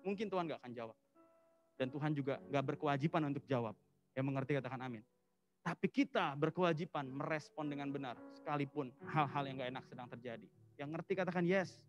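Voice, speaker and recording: Higher-voiced pastor preaching casually. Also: male voice, fairly quick, muffled recording, faint music behind. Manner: lively storytelling, slangy, mixes in English phrases. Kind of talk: casual conversational sermon. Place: church service.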